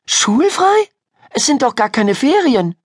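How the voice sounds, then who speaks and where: A man's voice: very high-pitched, slow pace, a bit bright, no room sound, clean studio sound, pitched above the performer's own voice, full character voice. A man voicing a nervous young schoolgirl with a secret, in a storybook reading. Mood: startled girl. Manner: startled, nervous. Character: red-haired schoolgirl keeping a secret.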